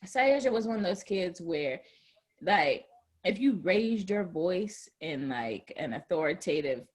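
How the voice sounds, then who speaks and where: A woman's voice: fairly low pitch, unhurried, husky. A woman telling a story in casual chat, acting out what others said. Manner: lively storyteller, acts out quotes.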